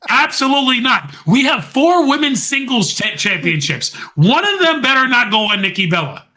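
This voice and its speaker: A man co-hosting a podcast, excitedly retelling a wrestling segment in casual chat. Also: extremely high pitch, moderate pace. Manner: animated, retells scenes by quoting and laughing. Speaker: podcast co-host.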